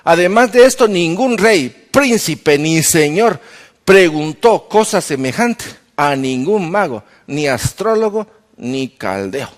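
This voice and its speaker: A man's voice: a little high, sing-song, slow. A man voicing nervous court magicians who plead with and argue against their king, in a sermon. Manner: pleading, defensive. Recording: reverberant church hall.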